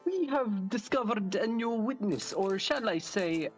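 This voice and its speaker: A woman's voice: mid-range voice, lively intonation, unhurried, soft background music, lightly acted. A woman voicing a haughty, arrogant young female prosecutor, speaking in an imperious and mocking way while reading a game aloud with voices.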